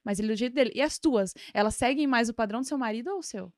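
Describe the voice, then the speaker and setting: A woman hosting a podcast, chatting quickly and sharing her own anecdotes. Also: on the high side, no room sound, clean studio sound. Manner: chatty, quick back-and-forth, relating own parenting anecdotes. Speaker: podcast host. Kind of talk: casual chat.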